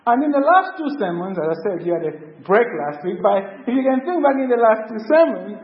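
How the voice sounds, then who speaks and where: Hesitant, high-voiced male preacher. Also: very animated, fairly quick, echoey room, muffled recording. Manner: storytelling with frequent hesitant fillers. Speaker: pastor. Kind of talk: sermon.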